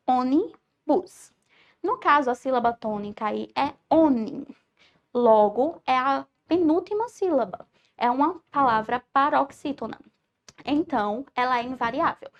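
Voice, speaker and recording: A woman's voice: high voice, gravelly. A woman from Brazil, a teacher giving a recorded online school lesson, explaining patiently and often checking in with "certo?". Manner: stresses syllables slowly when spelling out words.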